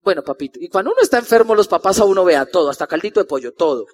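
A Colombian man with a notably high voice tells a personal story to an audience. He brings it to life by acting out each person's lines in turn. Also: expressive, very fast. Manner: storyteller who acts out the dialogue in his story. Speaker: motivational speaker.

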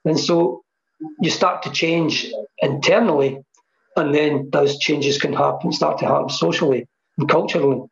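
With a fairly high, steady voice touched by vocal fry, a man joins a video call as a guest to talk reflectively about mindfulness at a moderate pace. He repeats phrases for emphasis, and his computer mic makes the audio dull and echoey.

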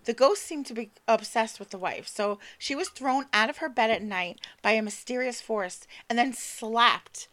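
Woman podcast co-host, slightly high voice, loose casual storytelling, trips over words and laughs it off. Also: moderate pace, hardly any pauses, fairly bright tone. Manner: stumbles over names and words, laughs at herself; swears casually.

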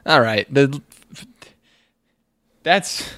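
Man co-host, casual chat, relaxed, laughs easily, mid-pitched. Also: drawn-out words, soft background music. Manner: laid-back, laughing, profane. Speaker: podcast co-host.

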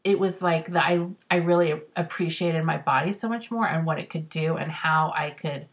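A woman with a somewhat low voice co-hosts a casual chat podcast. She talks loosely and meanders, often filling gaps with "like" and "I mean.". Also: moderate pace. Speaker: podcast co-host.

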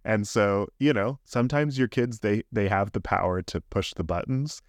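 A man's voice: on the low side, moderate pace, no room sound, studio quality. A man in his thirties, a podcast co-host, telling a candid, rambling story in casual chat.

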